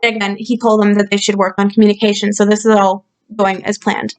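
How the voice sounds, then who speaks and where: A woman reading a story aloud and commenting on it in a calm, explanatory way, with frequent fillers, recorded on a computer's built-in mic. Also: medium pitch, fast talker, clean tone. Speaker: channel host reviewing a story. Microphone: built-in computer microphone.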